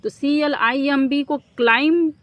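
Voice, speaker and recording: Woman teacher, slightly high voice, goes over words slowly n keeps asking the class to repeat. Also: highs cut off. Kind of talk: Hindi-English workbook lesson for young students.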